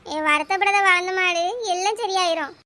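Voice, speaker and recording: A woman voicing a bossy, teasing female friend in a cartoon, with a Kanyakumari Tamil accent and a scolding, brisk way of talking. She keeps ordering and mocking her weepy friend. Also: very high-pitched, steady tone, pushed and bright. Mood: coaxing. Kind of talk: cartoon voice acting.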